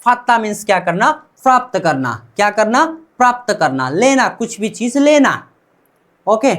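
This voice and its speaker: A man's voice: high voice, big pitch swings, normal speed, a bit bright. A man teaching Korean pronunciation in a classroom-style lesson, asking "what?" and answering himself and repeating each sound several times.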